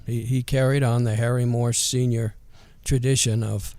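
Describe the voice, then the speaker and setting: An older man with a natural Vermont accent and rural twang, reminiscing casually and hesitantly in a folksy, unhurried way as an interview guest. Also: medium pitch, little pitch movement, dark tone, no room sound.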